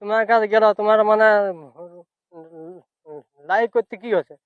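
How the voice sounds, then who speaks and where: Man, high voice, stammering and halting, tinny phone-like sound. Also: little pitch movement. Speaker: content creator in a played clip. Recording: tinny phone-like clip, dry.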